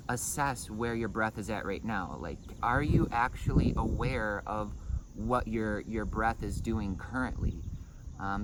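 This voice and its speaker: A man's voice: lowish voice, slight background noise. A man giving an informal breathing and meditation lesson, explaining in hesitant phrases with repeated words. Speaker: breathing meditation and Qigong instructor.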